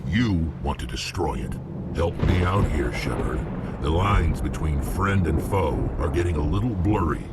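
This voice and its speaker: A man voicing a blunt, brooding, angry alien warrior in a video game, with a gruff, gravelly rumble. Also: a little slow. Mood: angry, pleading. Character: angry, gruff alien krogan warrior, loyal but wary. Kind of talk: dramatic video game acting.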